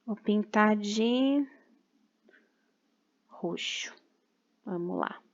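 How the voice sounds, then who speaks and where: In a recorded online lesson, a young primary school teacher with a Brazilian Portuguese accent carefully sounds out syllables for small kids. She's expressive and unhurried, with a fairly bright voice on the high side, though the audio is dull.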